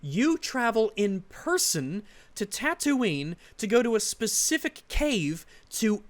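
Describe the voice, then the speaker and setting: Man, high voice, sarcastic, exasperated commentary rant. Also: very animated, slow pace. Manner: sarcastic, ranting. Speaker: commentary channel host. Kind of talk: exasperated film criticism commentary.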